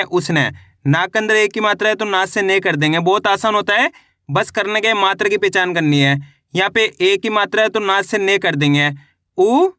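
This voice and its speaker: A man with a high, bright and smooth voice teaches beginners to read, sounding each word out slowly, one syllable at a time. His delivery is patient and drilling, and the recording is close and dry. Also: dry recording. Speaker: Hindi reading teacher. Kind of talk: spelling lesson for beginners.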